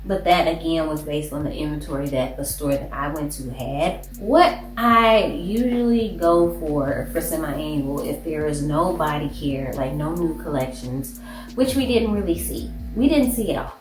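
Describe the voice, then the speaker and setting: A woman's voice: sits low, normal speed. A woman vlogger with a stuffy, congested nose, casually chatting through a shopping haul with lots of "like" fillers. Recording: echoey room with faint background noise.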